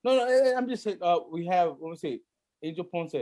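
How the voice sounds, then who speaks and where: Male host, high-pitched, frat bro type, loose slangy banter and casual teasing. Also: expressive, a little fast, dark tone. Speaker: show host. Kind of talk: casual chat.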